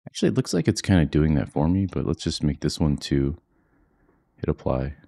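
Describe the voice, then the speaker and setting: With the kids asleep nearby, this very deep-voiced man records a software tutorial over his screen, talking in a hushed, flat monotone. His voice is creaky and his pace a little fast, and his easygoing coding walkthrough is sprinkled with fillers.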